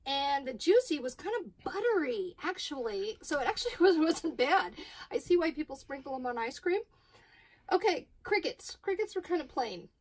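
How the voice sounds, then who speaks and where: A woman hosting a casual vlog, chatty and playful, laughing often as she talks. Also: high-pitched. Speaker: host of a tarantula keeper channel.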